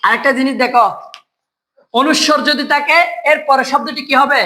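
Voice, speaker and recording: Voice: high voice, fairly even intonation, moderate pace, sharp tone, rough recording. A teacher giving an exam-prep lesson, asking the class questions and answering them right away. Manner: quizzes students, asks and answers own questions. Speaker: Bengali grammar teacher.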